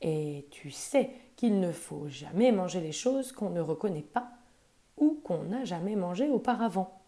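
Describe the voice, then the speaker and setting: A woman voicing a cautious mother who speaks slowly and carefully in a storybook reading. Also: fairly low pitch, expressive, mellow.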